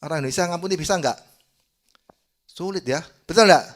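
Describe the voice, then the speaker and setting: A male evangelist, preaching a sermon in an emphatic style that swings from soft to loud and asks the congregation questions. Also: sits high, a little fast. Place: church service.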